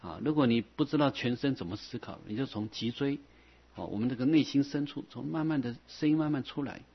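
A husky man gives a patient Buddhist dharma talk. He circles back over each point, softening his phrases with a drawn-out "ah". The recording sounds dull and lo-fi. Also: mid-range voice. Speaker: Buddhist teacher. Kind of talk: dharma lecture.

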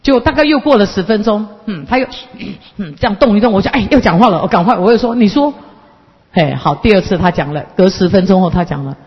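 Woman in her 50s, quick and husky, storytelling lecture into a handheld mic, echoey hall. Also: mid-range voice. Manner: lively, acts out dialogue and mimics people. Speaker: counseling lecturer. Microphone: handheld microphone. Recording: echoey hall, dull lo-fi sound.

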